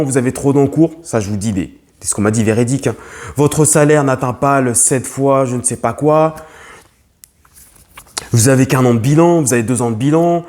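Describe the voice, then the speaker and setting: A man's voice: medium pitch, darkish tone. A young man, giving a lesson to camera on property investing, emphatic and repetitive, with many fillers and restarts. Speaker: real estate investor vlogger.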